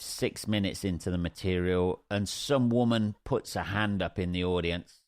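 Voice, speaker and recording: A young Northampton comedian with a low-pitched English voice tells a rambling, sweary story on his own solo podcast, throwing in jokey asides. The audio is studio quality with no echo.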